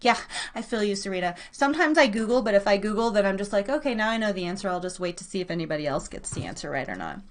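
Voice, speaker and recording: Talking directly to her listeners, this woman runs a live trivia game with a chatty, playful excitement, drawing out words to stress them. She speaks at a racing pace in a medium pitch, with a little hiss or hum audible.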